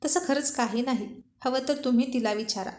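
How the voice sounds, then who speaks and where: A woman's voice: sits high, brisk, a little mellow, echoey room, lightly acted. A woman voicing a joking young man who likes to rib his friends. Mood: playful. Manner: playful ribbing.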